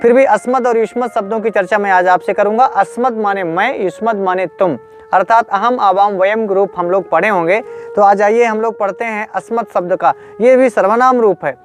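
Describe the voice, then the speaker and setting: Male Sanskrit teacher, high-pitched, sing-song drilling of word forms, online lesson. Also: moderate pace. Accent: Hindi. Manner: chants word forms in a sing-song rhythm for students to repeat. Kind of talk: online grammar lesson, call and response drilling.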